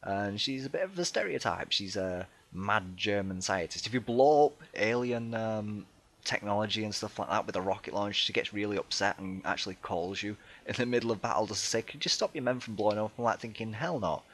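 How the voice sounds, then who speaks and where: A man's voice: fairly low pitch, fairly quick, fairly bright tone. Hesitant man giving casual game commentary. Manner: hesitant, many ums and restarts; self-deprecating and chatty. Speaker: let's play gamer.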